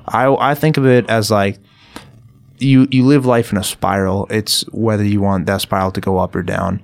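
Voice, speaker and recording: Laid-back low-voiced podcast host. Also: male voice, steady tone, normal speed, gravelly. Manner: laid-back, heavy use of "like". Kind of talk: casual chat.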